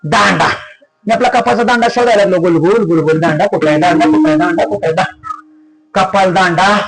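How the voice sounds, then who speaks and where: A man's voice: quick pace, creaky, music in the background, low-quality recording. A man preaching a devotional kirtan sermon, telling stories and repeatedly questioning the crowd with rising, emphatic cries. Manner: repetitive call-and-response questioning of the audience, rising to high emphatic cries. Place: live village festival gathering.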